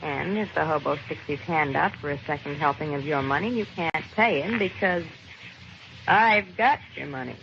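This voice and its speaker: An American actress brings a brash, slangy, sardonic edge to a greedy, cold-blooded gangster's girlfriend in an old radio crime drama, sounding calculating throughout. Her voice sits low with vocal fry, at a normal speed. The recording is dull and old, with faint noise.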